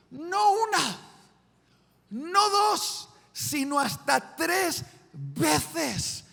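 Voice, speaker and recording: A firm, solemn teacher voiced by a preacher, deliberate and lower than the preacher's usual voice. He speaks with quiet authority, and a long reverb hangs on his words in the hall. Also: slightly rough, heavily acted. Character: calm, firm male teacher, master of disciples.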